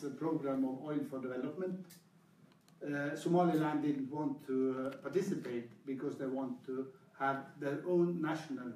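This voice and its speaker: Careful minister guy on a panel, soft dark tone, echoey room. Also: fairly high pitch, a little hiss or hum. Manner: measured, careful, hesitant fillers. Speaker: government minister. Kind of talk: public panel discussion. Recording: roomy hall, far from mic.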